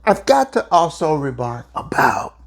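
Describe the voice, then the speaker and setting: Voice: mid-range voice, big pitch swings, unhurried, gravelly. A basketball podcast host giving solo sports commentary, talking straight to listeners and drawing out words for emphasis.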